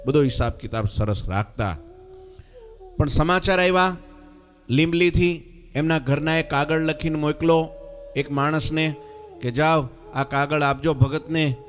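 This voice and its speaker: A man who is a swami preacher, telling a devotional story as a sermon and often asking his listeners rhetorical questions. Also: mid-range voice.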